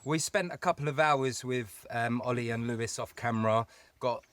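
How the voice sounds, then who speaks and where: A man's voice: mid-range voice, normal speed, a bit bright. A man hosting a podcast interview outdoors in the countryside, chatty and upbeat, laughing often. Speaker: podcast host. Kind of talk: casual chat.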